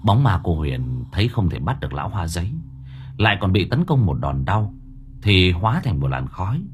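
A man narrating a horror story in a dramatic, expressive way. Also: low voice, normal speed, slight background noise. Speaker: audiobook narrator.

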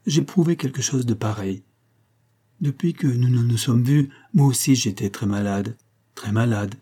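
A man voicing a gravely ill young mill owner who speaks faintly and haltingly, with tender feeling. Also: mid-range voice, warm tone, lightly acted. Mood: tender, weak.

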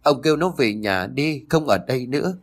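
A man's voice: medium pitch, animated, moderate pace, voice pushed up. A man voicing a grieving mother wailing and pleading for her dead daughter.

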